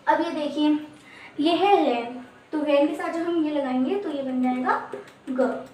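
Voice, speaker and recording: A woman teaching a casual language lesson, slowly drilling letter sounds one by one in a patient, explanatory way. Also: high-pitched, a little mellow. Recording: echoey room with faint noise.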